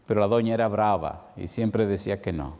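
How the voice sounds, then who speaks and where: A middle-aged evangelist preacher from the Dominican Republic, speaking with a Dominican Spanish accent, tells a personal story with emotion during a sermon. His voice is lowish, gravelly and a little mellow, slowing down for emphasis and then picking up speed. Long hall reverb surrounds the recording.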